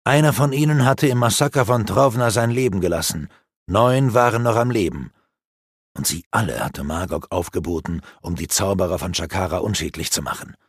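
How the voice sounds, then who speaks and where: A man's voice: low-pitched, brisk, slightly rough, no room sound, studio quality. A man narrating a fantasy audiobook in a dramatic, varied way.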